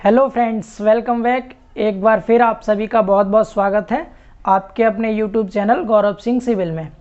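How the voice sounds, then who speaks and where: Man, teacher, high voice, explanatory, repeats terms, muffled recording. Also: steady tone, normal speed. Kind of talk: online lecture.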